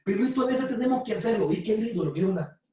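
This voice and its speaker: Nicaraguan woman preacher, high and fervent, distant mic in a big echoey room. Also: lively intonation, mellow, a little hiss or hum. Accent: Nicaraguan Spanish. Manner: fervent, repeats words, stresses key phrases slowly. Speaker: women's ministry speaker. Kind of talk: preaching talk. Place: room with phones streaming.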